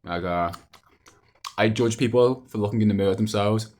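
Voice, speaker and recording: Rambling young man with a low voice. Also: brisk, darkish tone. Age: young adult. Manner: hesitant, repetitive, with trailing thoughts. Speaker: video diarist. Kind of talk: casual rambling monologue to camera.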